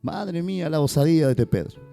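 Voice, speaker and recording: Male pastor, warm lively sermon delivery, faint guitar underneath. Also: a little high, a little fast, vocal fry. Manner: lively, joking asides to the congregation.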